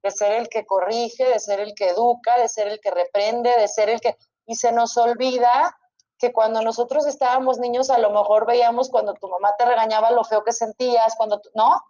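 A woman with a Mexican accent reflects thoughtfully in a relaxed group chat. Her voice is mellow and fairly high. The sound is dull and lo-fi. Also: normal speed. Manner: reflective, agreeing. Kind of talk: casual panel chat.

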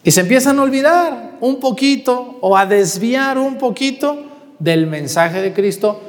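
Mexican priest preaching in a reverberant church. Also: male voice, very high voice, unhurried, faint music behind. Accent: Mexican Spanish. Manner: animated, asks the congregation questions, drops to a hush for emphasis. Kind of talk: sermon. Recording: long hall reverb in a church.

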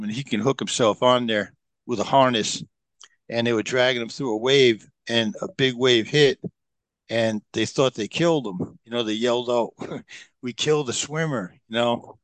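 Man, middle-aged, rambling storyteller, even-pitched voice, dry close sound. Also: no echo. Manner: rambling, many fillers and restarts. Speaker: podcast guest. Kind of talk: casual storytelling.

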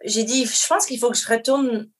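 A woman's voice: a little high, moderate pace, slightly rough. A woman with a Québécois French accent, chatting casually as a guest musician, rambling with many fillers and restarts and slipping in English words. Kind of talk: casual chat.

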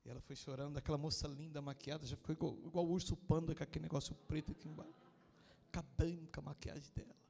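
A middle-aged pastor from southern Brazil preaches with a fairly high voice. He tells his story with energy, acting out each person's lines and building to loud, fervent passages. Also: fast, gravelly. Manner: animated storytelling, acting out dialogue, rising to loud emotional preaching. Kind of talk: sermon with acted-out story.

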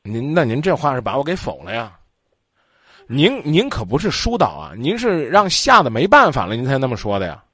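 A man's voice: medium pitch, brisk, husky, no echo, studio quality. A man hosting a call-in advice show, talking bluntly and scolding the caller. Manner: blunt, lively, scolding, acts out quotes. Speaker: radio advice show host.

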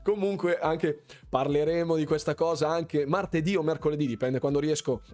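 A playful man hosts a live gaming quiz stream, chatting casually with his viewers. His voice sits a little high, and he repeats words in bouncy runs. Faint music plays softly behind him. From Bergamo, northern Italy. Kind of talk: casual livestream chat, greeting viewers.

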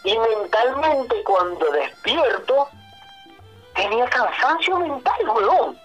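A man telling a work story as a guest on a casual podcast, animated, swearing, often saying "brother". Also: extremely high pitch, slow pace, faint music behind, rough recording.

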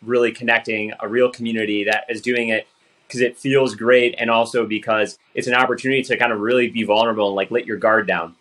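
A man hosting a podcast, talking in a relaxed, conversational way with plenty of affirmations. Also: mid-range voice, fast. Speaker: podcast host. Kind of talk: podcast interview.

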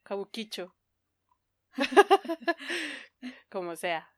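A woman's voice: mid-range voice, big pitch swings, drawn-out words. A young woman, chatting casually as a podcast co-host in a playful, giggly manner. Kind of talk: casual chat about anime.

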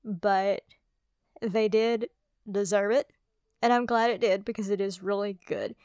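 An American woman co-hosting a casual album review chat, steady and enthusiastic as she gives her notes. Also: mid-range voice, a little slow, clean tone, dry recording. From United States. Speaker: podcast co-host reviewing albums.

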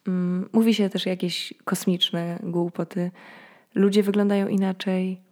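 A woman in her twenties recording a personal late-night podcast monologue, speaking quietly and reflectively, a little sleepy, as if telling stories. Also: lowish voice, level tone, unhurried. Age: 20s. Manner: reflective, storytelling. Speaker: podcast host.

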